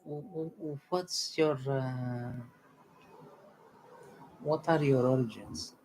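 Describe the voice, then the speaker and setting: A man's voice: medium pitch, slow, a little mellow, a little hiss or hum, poor audio. A man from Italy with an Italian accent, speaking English in casual banter and stubbornly denying his bandmate's teasing. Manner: dry, stubborn denials. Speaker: band member co-hosting a stream.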